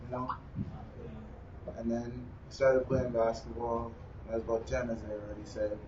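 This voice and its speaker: A young man with a Bahamian accent, a basketball player answering interview questions in a relaxed, plain way. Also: medium pitch, normal speed. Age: young adult. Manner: relaxed, plain, uses "like" and "you know". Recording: roomy, distant, dull with faint noise.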